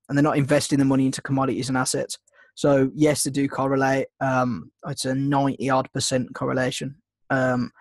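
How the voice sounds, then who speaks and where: In a casual screen-share lesson, a medium-pitched man who hosts a trading webinar as mentor talks through his slight cold. He rambles and restarts, saying um a lot, and the audio has no echo.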